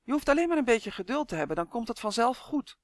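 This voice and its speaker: Cheerful insistent young girl, voiced by a woman, storybook read-aloud, much higher pitch, dry close sound. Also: sing-song, fast, dry recording. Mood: coaxing. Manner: bright, insistent.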